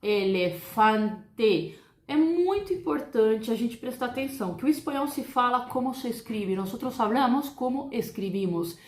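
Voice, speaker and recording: A Brazilian woman with a Brazilian Portuguese accent teaching a Spanish lesson, slowly drawing out example words and checking in with tag questions. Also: a little high, darkish tone, roomy sound. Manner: drawn-out model pronunciations with frequent tag questions. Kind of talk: online language lesson.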